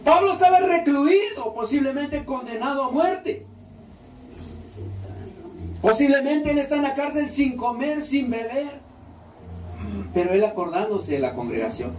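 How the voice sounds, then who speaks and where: A man's voice: very high-pitched, a little hiss or hum. A man preaching to a congregation, fervent and full of rhetorical questions. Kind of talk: Spanish-language church sermon. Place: church hall with a congregation. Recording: echoey hall, voice picked up from a distance.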